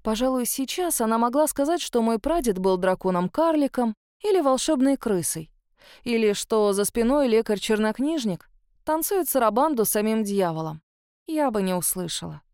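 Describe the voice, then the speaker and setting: A woman reading a first-person story as an audiobook narrator, in a soft, intimate, confessional manner. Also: on the high side, expressive, normal speed, clear, resonant tone, no echo, clean studio sound.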